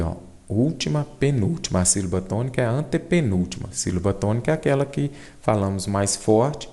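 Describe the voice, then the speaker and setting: A man's voice: fairly low pitch, mellow. A Brazilian man teaching an exam-prep grammar lesson, explaining step by step and checking in with his students.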